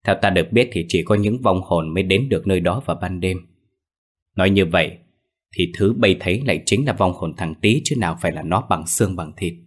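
A man voicing a stern, weary old male exorcist master who talks in gruff, commanding village speech. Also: low voice, brisk.

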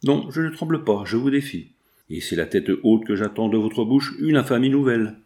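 A man's voice: medium pitch, animated, a little fast, darkish tone, lightly acted. A man voicing a proud, defiant young woman seamstress, pleading with passion as he reads a novel aloud. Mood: indignant. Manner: impassioned, indignant pleading.

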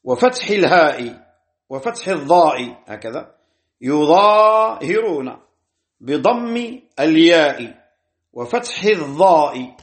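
A man giving a scholarly lecture on Quranic readings, drawing out key words slowly and citing his sources as he teaches. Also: fairly high pitch, very animated. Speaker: Islamic jurisprudence teacher.

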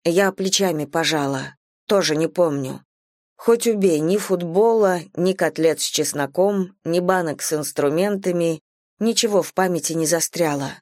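A woman narrating a first-person short story aloud with an expressive, lively delivery. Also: lowish voice, moderate pace, no echo, clean studio sound. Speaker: audiobook reader.

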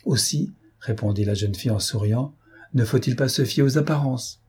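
A man's voice: mid-range voice, moderate pace, a little mellow, breathy edge. A man reading an earnest young lady. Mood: gentle. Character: earnest young woman, gentle but firm.

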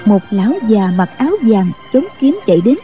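A woman narrating a martial-arts novel audiobook in a steady, even storytelling manner. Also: mid-range voice, brisk, soft background music.

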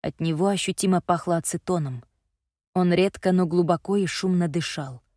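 A woman reading a story aloud as narrator in a measured, even storytelling manner. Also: fairly low pitch, no echo, clean studio sound. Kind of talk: scripted audiobook narration.

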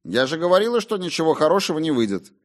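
A stern, pious mother, as a male narrator puts her on, scolds in a raised, quick voice. Her tone is prim and disapproving throughout, read as part of a storybook narration. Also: big pitch swings. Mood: reproachful. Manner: high, quick, reproachful.

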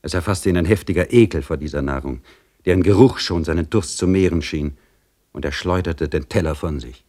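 A man reading a literary story aloud in a measured, dramatic storytelling manner. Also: low voice, a little mellow. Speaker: audiobook reader.

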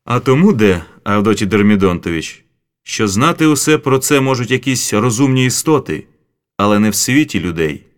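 A man voicing a calm, sly male detective who speaks carefully. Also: on the low side, moderate pace, smooth, close to an everyday voice. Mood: guarded.

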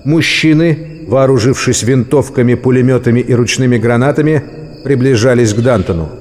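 A man reading a story aloud as an audiobook narrator, measured and expressive. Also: medium pitch, a little hiss or hum. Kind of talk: scripted narration. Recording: long reverb with music and crickets.

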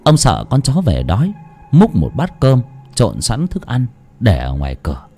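A man's voice: mid-range voice, huge pitch swings, moderate pace, mellow, slightly rough, faint music behind. A man narrating a horror story dramatically.

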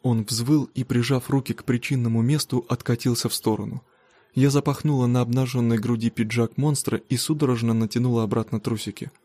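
Male audiobook reader, steady delivery, mellow tone, dry booth. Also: medium pitch, a little fast, no echo. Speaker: audiobook narrator. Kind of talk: first-person audiobook narration.

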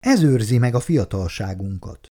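Gentle old grandmother, read by a man, matter-of-fact, mellow tone, audiobook. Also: mid-range voice, sing-song. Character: sweet, wise older woman, grandmother.

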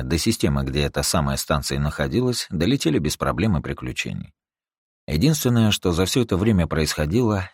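Deep-voiced male audiobook narrator. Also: husky, no room sound, studio quality. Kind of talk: audiobook narration of a sci-fi story.

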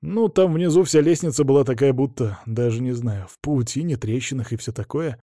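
A man reading an audiobook voices an excitable, easily startled young male student who exclaims in amazement. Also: mid-range voice, brisk, no echo, clean studio sound, natural voice. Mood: puzzled. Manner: wide-eyed, exclaiming.

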